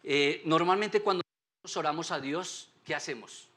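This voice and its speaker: A man's voice: on the high side, moderate pace, pushed and bright. A man teaching a Sunday Bible class at church, often putting rhetorical questions to his listeners. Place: church meeting room.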